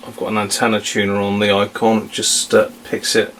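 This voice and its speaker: In a home-recorded video with faint hiss, a man who hosts as a radio hobbyist demonstrates something off the cuff, hesitating and drifting into muttered asides. He talks briskly in a fairly low, monotone voice that's a bit bright.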